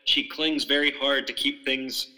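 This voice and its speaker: A man's voice: mid-range voice, little pitch movement, a little slow, sharp tone, rough recording. A man co-hosting a casual podcast chat about a film, talking in a hesitant way with many restarts. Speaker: podcast co-host.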